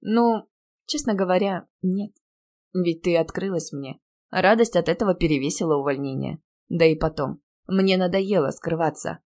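A woman reading an audiobook, voicing a calm, teasing young male PE teacher who speaks softly and tenderly. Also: lowish voice, moderate pace.

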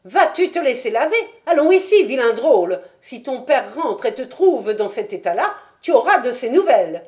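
A woman's voice: a little high, animated, moderate pace, voice pushed up, natural voice. A woman voicing a stout, talkative boatman's wife in a French audiobook. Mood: scolding. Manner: loud, fussing and talkative. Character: shrill stout working-class boatman's wife.

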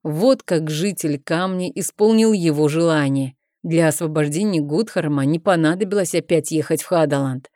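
A woman narrating an audiobook in a measured storytelling manner. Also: deep voice, mellow, dry recording, clean studio sound.

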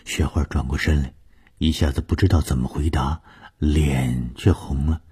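A man narrating a long-form story in a measured, expressive storytelling style. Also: rumbling low, slightly rough.

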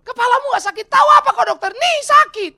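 A man voicing a stubborn, whiny know-it-all male patient who shouts about his pains. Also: rapid-fire. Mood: indignant. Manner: shrill, complaining, yelling.

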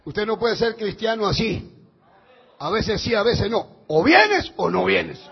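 A man preaching a sermon as pastor, fervent and often shouting, heard on a dull lo-fi recording. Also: sits high, big pitch swings, a little slow, gravelly, slightly rough.

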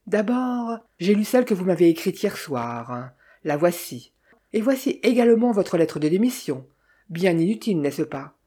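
A woman's voice: on the low side, very animated, moderate pace, warm tone, slightly rough. A woman reading the lines of a mocking, good-humored male detective in an audiobook, with a wry, teasing manner.

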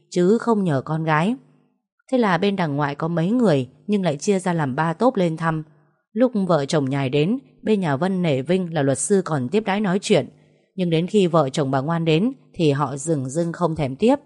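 Woman reading a story audiobook style, lowish voice, steady. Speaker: narrator.

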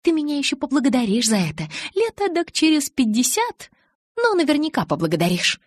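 A woman doing an excitable, wheedling young vampire girl. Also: fairly quick, no echo. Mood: eager, insistent. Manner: excitable, wheedling, high and emphatic. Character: bubbly pleading young female vampire.

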